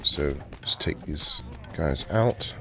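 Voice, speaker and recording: A man with a very deep voice talks through a video game as he plays it. His commentary is relaxed and explanatory, broken by frequent filler pauses. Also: over music. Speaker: game walkthrough host. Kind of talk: casual gameplay commentary.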